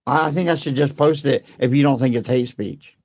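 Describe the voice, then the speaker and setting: A hoarse man who has lost his voice, coughing and talking defensively in casual chat, repeating his points. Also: mid-range voice, fairly quick, darkish tone. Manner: repetitive, defensive.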